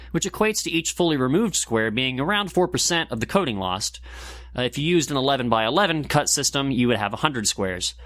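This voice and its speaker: This dry recording has a man of medium pitch with a slightly bright voice. Working as a segment presenter and lab technician, he narrates a scripted instructional piece in careful, step-by-step fashion.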